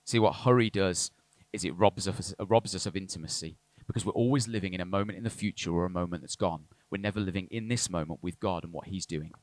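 Northern English pastor preaching. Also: male voice, sits low, no room sound. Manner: grows animated and quick when excited. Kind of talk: sermon. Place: church service.

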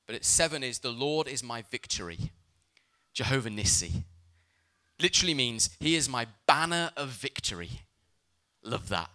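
Bright-voiced male pastor preaching. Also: mid-range voice, moderate pace. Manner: emphatic preaching, mixed with lively personal storytelling. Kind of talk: sermon.

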